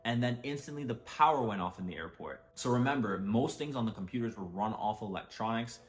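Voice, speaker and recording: A man's voice: medium pitch, expressive, a little fast, soft background music. A young man telling a travel story in casual storytime narration, conversational and full of filler words. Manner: conversational, with frequent "like" and "basically".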